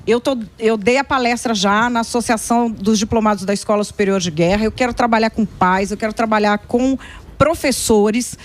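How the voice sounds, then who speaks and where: A woman's voice: on the high side, steady tone, fairly quick. A woman from Brazil, a columnist guest on a talk show, speaking earnestly about her mission and her faith. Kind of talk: casual talk show chat.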